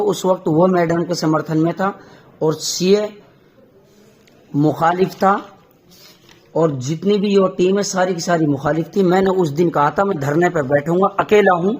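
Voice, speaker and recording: This recorded phone caller, a man whose voice is on the high side and a little mellow, argues heatedly over local politics. He repeats himself to drive his points home.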